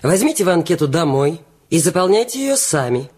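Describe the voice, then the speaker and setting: A man voicing a cool, stern theatre secretary in an audiobook, speaking quietly and curtly. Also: a little high, big pitch swings, a little fast, slightly rough, voice pushed up. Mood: cold. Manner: quiet, dry, curt.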